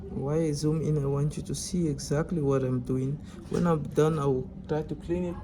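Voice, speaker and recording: A man with a Cameroonian accent talks through a repair in his workshop, calm and steady. His fairly high voice carries a gravelly fry and stays level in pitch. Clear background noise fills the recording. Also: moderate pace. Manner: calm, explaining as he works, with frequent restarts. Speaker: electronics repair technician. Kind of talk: casual workshop vlog talk.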